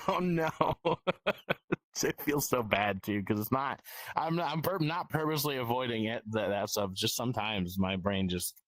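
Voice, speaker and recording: A man's voice: fairly low pitch, moderate pace, a bit bright, no echo. A man, a guest singer, chatting casually in a self-deprecating way with frequent laughs and stammers. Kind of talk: casual chat.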